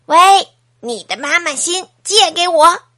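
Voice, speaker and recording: A woman voicing a mischievous, defiant little schoolboy in a storybook, loud and brash. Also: extremely high pitch, lively intonation, unhurried, voice pushed up, heavily acted. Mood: cheeky.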